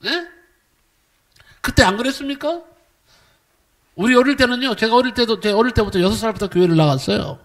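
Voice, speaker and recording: A man's voice: very high-pitched, lively intonation, fairly quick, pauses often. A middle-aged male pastor preaching a sermon, emphatic, firing rhetorical questions at the congregation and acting out quoted voices. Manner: acts out quoted voices with sudden swings in loudness.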